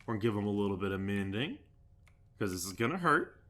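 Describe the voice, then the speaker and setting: A man's voice: fairly low pitch, big pitch swings, fast talker, fairly bright tone. A man giving casual, joking commentary over a sandbox game, talking sarcastically with lots of fillers. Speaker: gaming YouTuber.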